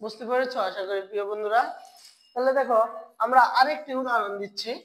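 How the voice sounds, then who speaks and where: A woman teaching a language lesson. She asks her students questions, answers them herself, and draws syllables out slowly. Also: a little high, fairly even intonation, fairly bright tone, poor audio. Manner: slow, drawn-out spelling of syllables.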